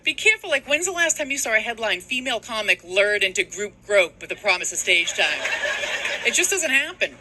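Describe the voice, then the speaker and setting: On a comedy stage before a live audience, a Boston woman comic in her thirties performs stand-up, telling deadpan stories at a fairly quick clip. She lowers her voice to imitate her mother, and the recording quality is poor.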